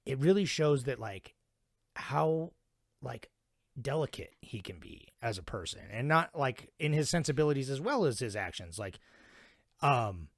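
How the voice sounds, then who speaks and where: A man's voice: medium pitch, lively intonation, measured pace, no room sound. Easygoing podcast guy, earnest, swears casually, dry mic. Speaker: podcast co-host. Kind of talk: casual film discussion.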